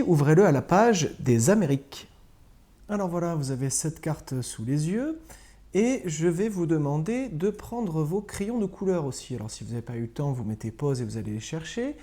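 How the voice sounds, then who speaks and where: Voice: medium pitch, very animated, normal speed, dark tone. A primary school teacher giving a recorded lesson to pupils at home, patiently spelling words out letter by letter and often checking that they follow.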